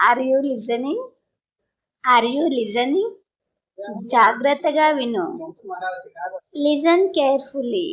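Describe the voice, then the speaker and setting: Slow, high-voiced woman drilling phrases. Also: low-quality recording. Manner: says each English phrase twice, slowly and deliberately. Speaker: English teacher.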